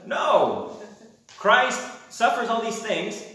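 Man, lecturing a class, bright voice, heavy room echo, questioning, wry. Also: high voice, lively intonation, slow pace. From America. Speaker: teacher. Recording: very echoey room.

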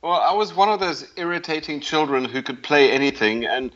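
A middle-aged South African man, the CEO of a medical company, tells his story as an interview guest over a slightly dull, lo-fi connection. He grew up moving between countries and speaks a little fast in a fairly high, somewhat bright voice. His storytelling is chatty, conversational, and self-deprecating.

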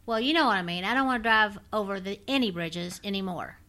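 A woman's voice: medium pitch, quick pace, pushed and bright. A woman co-hosting a casual show, reacting with folksy, teasing banter. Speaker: podcast co-host.

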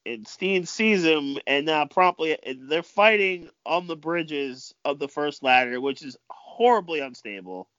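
A man giving improvised amateur wrestling commentary, speaking haltingly and often repeating himself. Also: fairly high pitch, lively intonation, fairly bright tone, dry recording, muffled recording.

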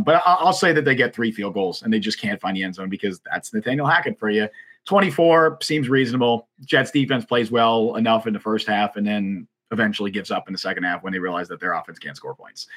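Husky, fast-talking man co-hosting a podcast. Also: fairly low pitch. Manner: quick, animated, laughs often, reads chat comments aloud. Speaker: podcast co-host. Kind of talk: casual sports podcast chat.

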